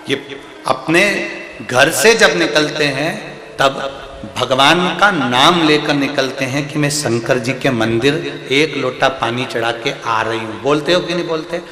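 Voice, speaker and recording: Bright-voiced man preaching in echoing hall. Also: mid-range voice. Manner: emphatic, rhythmic repetition, rising exhortations. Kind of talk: devotional scripture sermon. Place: large live gathering hall. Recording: reverberant hall sound.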